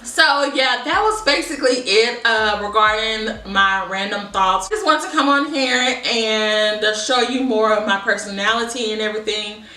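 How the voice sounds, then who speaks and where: Bright-voiced young woman chatting, echoey room. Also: fairly high pitch, normal speed, few pauses. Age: young adult. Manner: rambling, conversational, thinking aloud. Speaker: vlogger. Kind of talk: casual chit-chat monologue. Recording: echoey room, distant mic.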